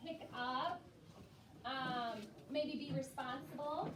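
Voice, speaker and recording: This high-voiced woman speaks slowly while leading young children in a classroom discussion as their primary school teacher. She encourages them and repeats their responses aloud. Captured with a distant mic in an echoey room, the clip carries clear background noise.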